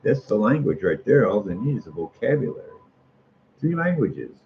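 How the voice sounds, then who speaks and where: A middle-aged American street artist speaks in a lowish, sing-song voice with vocal fry, at normal speed, in a rambling casual monologue. He's folksy and opinionated and likes to repeat phrases for emphasis. Recorded on muffled lo-fi audio with faint noise.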